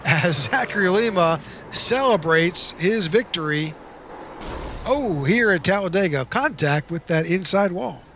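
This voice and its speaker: High, bright-voiced race announcer man. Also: unhurried, a little hiss or hum. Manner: upbeat announcer, reads results in a steady list. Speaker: play-by-play announcer. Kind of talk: race broadcast commentary.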